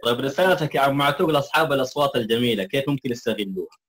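A man interviews his guest with courteous, rapid-fire questions. His voice sits at an average pitch. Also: animated, a bit bright. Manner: polite, questioning. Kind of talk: open conversation. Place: neighborhood community hall.

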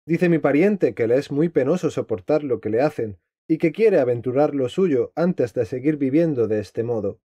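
A man voicing a nobleman who asks his counselor for advice, in a measured, formal storybook reading. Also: medium pitch, expressive, mellow, dry recording, lightly acted. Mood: concerned. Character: count seeking advice, male nobleman. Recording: dry, slightly dull lo-fi.

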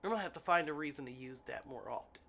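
Fast, animated and rumbling low, her creaky, slightly bright voice carries through a casual unboxing of nail gel at her home nail desk indoors. The nail artist vlogger is congested and sniffly from illness, chatty and self-amused, and addresses viewers as "y'all."

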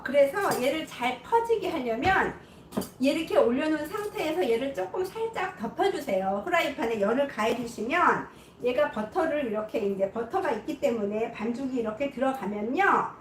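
Chatty female home-cooking host, high lively voice, echoey kitchen, mic set back. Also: normal speed, slight background noise. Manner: chatty, keeps checking viewers can see. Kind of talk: cooking demonstration. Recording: echoey room, distant mic.

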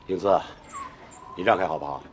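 An actor playing a brusque, authoritative police section chief. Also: male voice, sits low, a little fast, dull audio, slight background noise, lightly acted. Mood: stern.

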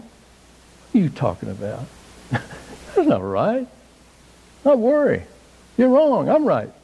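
An older man preaching in a church, his voice gravelly and pitched somewhat high. He delivers a sermon with emphatic bursts that leap up into excited exclaims. The sanctuary adds a long trailing reverb. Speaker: pastor.

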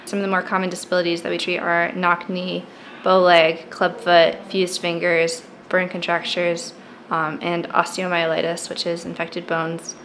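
An American woman in her twenties, a charity coordinator, explaining her work in a relaxed way with frequent ums. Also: lowish voice, moderate pace, few pauses, a little hiss or hum, poor audio. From United States. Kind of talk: casual explanatory talk.

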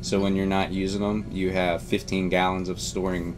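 A relaxed man in his forties talks through his favorite boat gear from the cabin, his voice sitting on the low side. He rambles easily and seems amused at himself, with faint music running under the recording. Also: normal speed. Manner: easygoing, rambling, self-amused. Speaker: boat captain and channel host. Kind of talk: casual product rundown. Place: inside a boat cabin with big windows.

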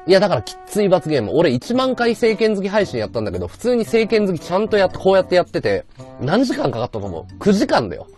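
A male livestreamer chatting casually with viewers, blunt and slangy. His pitch leaps up and down very expressively, and quiet music plays underneath. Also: wildly swooping pitch, fast talker. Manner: blunt slangy banter, reads viewer comments.

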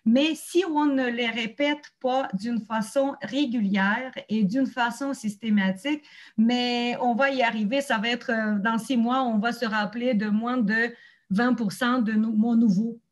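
Higher-voiced woman hosting a teachers' meeting. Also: fairly even intonation, unhurried. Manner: explanatory, searching for words. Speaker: host of a teachers' community meeting. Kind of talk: online meeting presentation.

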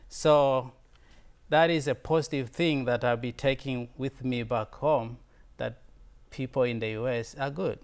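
This visiting fellow, a man in his thirties from Tanzania who grew up speaking Swahili, talks through his slides in a relaxed but earnest manner, frequently repeating himself and starting over. He has a Tanzanian accent and a smooth voice of medium pitch.

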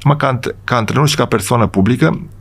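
Middle-aged man, gravelly creaky voice, football coach, casual podcast guest, emphatic, rambling, restarts sentences. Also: mid-range voice. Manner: emphatic, rambling, frequent restarts and "știi?" check-ins. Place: studio.

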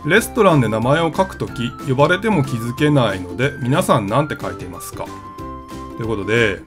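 A man's voice: mid-range voice, lively intonation, fast, music in the background. A man hosting his travel vlog, explaining things in a casual, conversational way with plenty of fillers. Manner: chatty, conversational with frequent fillers.

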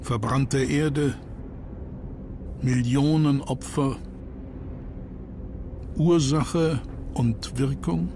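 Slow, grave male documentary narrator. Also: medium pitch, steady tone, noisy background. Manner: sober, grave, measured. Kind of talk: scripted history documentary narration. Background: background music.

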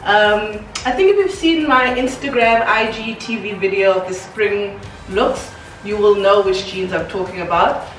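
A woman's voice: medium pitch, measured pace, far from the mic. A woman, chatting casually and giggling through a try-on haul at home, talking in a loose, rambling way full of fillers. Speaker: fashion vlogger. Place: room at home with a mirror, moving around. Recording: roomy, off-mic, faint music behind.

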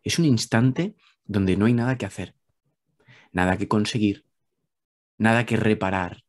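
A man with a Spain Spanish accent, a guest talking calmly about spiritual ideas, repeating phrases and asking rhetorical questions. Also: on the low side. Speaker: guest speaker. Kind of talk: reflective spiritual talk.

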